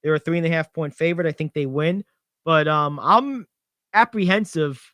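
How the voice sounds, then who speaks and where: A young man co-hosting a sports radio show, animated and confident as he talks through football picks, piling on "I think". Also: a little high, quick pace, clean tone, dry recording, clean studio sound. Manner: animated, gets louder when excited, many "I think"s. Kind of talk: sports betting talk.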